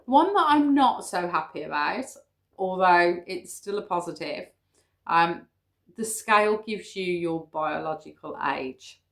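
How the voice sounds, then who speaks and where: A British weight-loss vlogger in her fifties chats casually to camera, walking through her figures step by step with plenty of ums. Her voice is fairly low, gravelly, and fairly bright, animated but at a measured pace.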